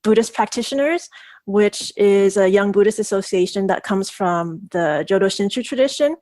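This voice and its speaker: A woman presents to a webinar audience in a relaxed, informal way. Her voice sits at an ordinary middle pitch. She thinks aloud, filling pauses with ums and reworking her phrases as she goes. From Taiwan, raised in the United States. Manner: thoughtful, with frequent ums and self-corrections. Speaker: professor giving a webinar presentation.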